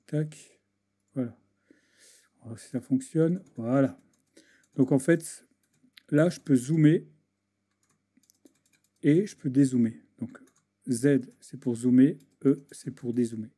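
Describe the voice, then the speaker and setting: A man giving a casual software tutorial over a screen recording, hesitant and full of restarts as he clicks through settings. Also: medium pitch, slow pace, long pauses, slightly rough. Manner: hesitant, many restarts and fillers, talks while clicking. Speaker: video editing tutor.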